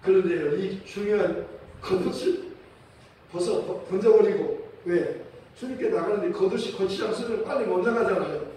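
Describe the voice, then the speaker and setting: A man preaching a sermon as pastor, telling a story with lively acted-out voices and chuckling now and then. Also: high voice, normal speed. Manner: animated storytelling, acts out quoted voices. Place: church sanctuary. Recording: echoey church hall, mic at a distance.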